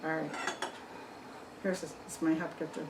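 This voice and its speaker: A woman's voice: deep voice, steady tone, normal speed, recorded from a distance. A woman hosting a casual home cooking vlog, chatting to viewers about the food she made. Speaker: cooking channel host. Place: home kitchen and dining table. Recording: echoey room with clear background noise.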